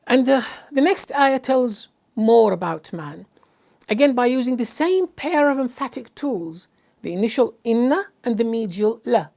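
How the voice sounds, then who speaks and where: Woman teaching with careful, halting explanation. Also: a little high, sing-song, gravelly, a little mellow. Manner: careful, halting, many fillers and restarts. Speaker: Qur'an translator and teacher. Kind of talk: explanatory lesson with Arabic recitation.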